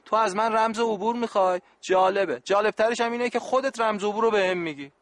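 A man's voice: sits high, dry recording, close to an everyday voice. Man playing a joking, exasperated camp supervisor. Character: good-natured adult camp supervisor. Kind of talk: radio play acting.

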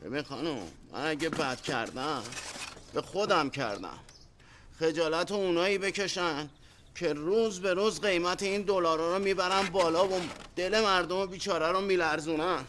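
An actor playing a shabby street hustler who complains and begs for money in a cheeky, wheedling way. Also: male voice, fairly high pitch, fairly bright tone, a little hiss or hum, lightly acted. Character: shabby pleading street hustler, middle-aged man. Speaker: beggar looking for money. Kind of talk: TV drama acting.

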